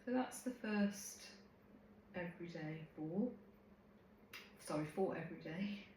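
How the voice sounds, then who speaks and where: A woman teaches tai chi in a very reverberant room with faint noise behind her. She speaks slowly and serenely, giving gentle movement cues at a medium pitch. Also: animated. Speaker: tai chi and qi gong instructor. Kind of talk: live movement class instruction, calm cueing.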